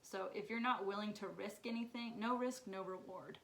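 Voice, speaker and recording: A woman co-hosting a casual podcast chat, upbeat and quick to laugh. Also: mid-range voice, low-quality recording. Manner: upbeat, laughs often, quotes others in bright voices. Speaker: podcast co-host.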